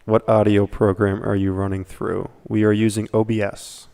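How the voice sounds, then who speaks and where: A man's voice: fairly low pitch, little pitch movement, normal speed, gravelly, warm tone. Joking man on a casual livestream. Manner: playful, joking, reads chat aloud. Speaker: podcast co-host.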